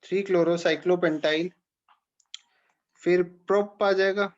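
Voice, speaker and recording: A man's voice: sits high, steady tone, measured pace, dull audio. A man teaching an organic chemistry class, explaining step by step and checking in with questions to his students. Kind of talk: classroom lecture.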